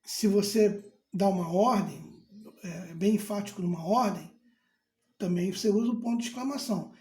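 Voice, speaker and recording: A man teaching grammar in a casual, deliberate way, repeating key terms and answering imagined student questions. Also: high-pitched, dark tone. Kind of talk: casual explanatory lesson. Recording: roomy echo.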